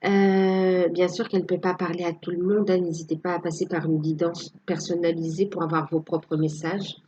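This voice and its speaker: A woman's voice: on the low side, little pitch movement, moderate pace, a little mellow, muffled recording, slight background noise. A woman giving a casual tarot reading to her viewers, hesitant and full of fillers. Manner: hesitant, many fillers, tags with "hein". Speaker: tarot card reader.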